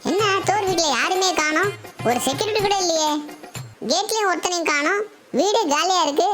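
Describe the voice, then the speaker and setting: A cheeky little cartoon boy, squeaking high and rattling along at a fast clip. He chatters, scolds and exclaims through a game role-play while loud music pumps underneath. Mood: grumbling.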